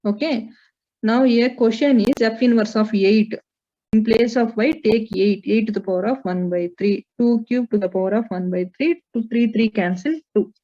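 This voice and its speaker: Fairly high-pitched and warm at a moderate pace, an Indian-accented woman leads a maths lesson, solving problems and quizzing her students. The recording sounds dull and lo-fi.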